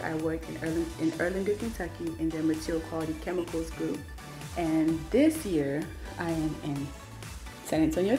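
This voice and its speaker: Low-voiced young woman from Cameroon. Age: young adult. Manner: earnest, with some hesitant ums. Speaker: scholarship recipient. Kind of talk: recorded thank-you message.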